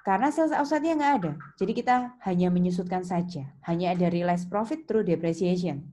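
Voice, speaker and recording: Warm, lowish, and animated, an accounting lecturer's voice moves at a quick pace as she guides students step by step through worked examples. She has an Indonesian accent and teaches didactically with questions and reminders. Keyboard clicks and clear background noise are present.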